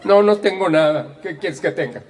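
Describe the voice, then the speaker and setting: A man's voice: animated, moderate pace, close to an everyday voice. A man putting on the voice of a sulky, resentful complainer, whiny and sarcastic. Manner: whiny, sarcastic, high-pitched mimicry. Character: sulky resentful grumbler, passive-aggressive complainer.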